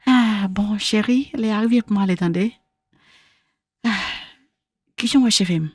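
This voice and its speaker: A woman acting a coy, teasing woman who is being complimented, speaking with a husky voice in a short example skit. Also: medium pitch, normal speed, darkish tone, no room sound, clean studio sound, close to an everyday voice.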